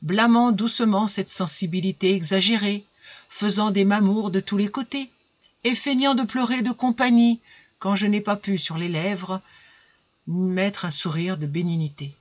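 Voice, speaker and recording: Expressive woman reading aloud, lo-fi. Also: moderate pace. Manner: lively, voices characters with pitch jumps. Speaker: audiobook reader. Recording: dull lo-fi recording.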